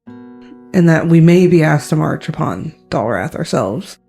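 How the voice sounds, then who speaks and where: A woman's voice: sits low, expressive, a little slow, vocal fry, dark tone, soft background music. A woman casually narrating her part in a tabletop game, hesitant and full of restarts. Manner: hesitant, lots of fillers and restarts. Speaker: tabletop game player and storyteller.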